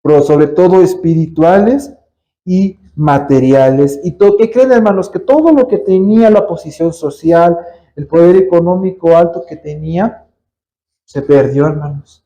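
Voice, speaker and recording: A man with a Mexican accent preaches a sermon in church, his voice high-pitched yet soft and mellow. He keeps calling out to the congregation as brothers and sisters and asks them question after question, leaving them hanging. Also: moderate pace, muffled recording. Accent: Mexican Spanish. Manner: addresses listeners as brothers, rhetorical questions.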